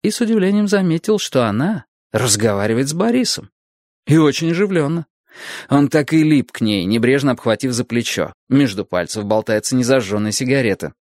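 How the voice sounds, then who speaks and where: A male audiobook narrator with a mid-pitched voice and a lively, expressive pitch line. He tells the story in a measured way. The sound is dry and close to the mic. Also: dry recording.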